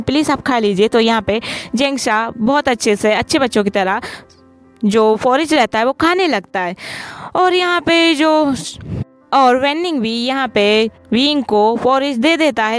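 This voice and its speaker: A woman's voice: fairly high pitch, clean tone. A woman casually retelling a drama scene by scene, reading each character's lines aloud in her own everyday voice. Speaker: drama recap narrator. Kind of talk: casual storytelling recap.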